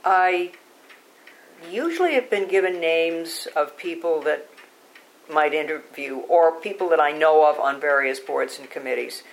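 An older woman being interviewed for an oral history, recollecting in measured, halting short phrases. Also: low voice, low-quality recording.

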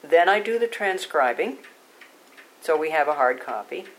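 Older woman reminiscing in low, halting phrases. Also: animated, rough recording. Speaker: oral history project interviewee. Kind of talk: recorded oral history interview, recollecting.

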